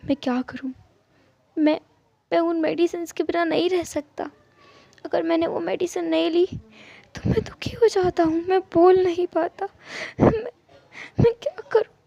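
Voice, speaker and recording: A woman voicing a frightened, clingy young man who is scared of the dark, pleading and stammering as he repeats his words. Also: high-pitched, moderate pace, creaky, dry recording. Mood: tearful. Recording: muffled lo-fi recording.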